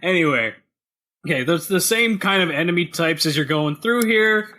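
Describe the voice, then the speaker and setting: Bright-voiced punny podcast guy. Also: on the high side, animated, moderate pace. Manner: punny, jokey, slips into mock voices. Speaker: podcast co-host. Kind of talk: casual gaming chat. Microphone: headset.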